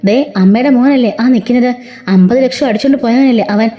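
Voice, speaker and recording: An indignant young husband scolding his mother in a retold family serial, as a woman narrator reads him. The lines come out rapid and mellow. The voice stays fairly high. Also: close to an everyday voice. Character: angry young husband defending his wife.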